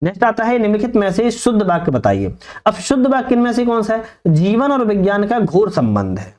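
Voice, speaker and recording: A man, a coaching teacher going through test answers, repeating each answer as a quick question and calling viewers brother. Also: high-pitched, big pitch swings, darkish tone.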